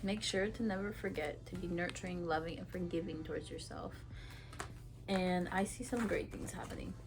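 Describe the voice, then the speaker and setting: A woman's voice: lowish voice, normal speed. A woman from Ethiopia giving a casual tarot reading to camera, talking frankly in a chatty way with many fillers. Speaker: tarot reader.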